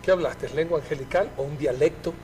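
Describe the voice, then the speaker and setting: A man's voice: fairly high pitch, quick pace, warm tone, slight background noise. A man interviewing a guest about faith, speaking in a fervent, preacher-like way.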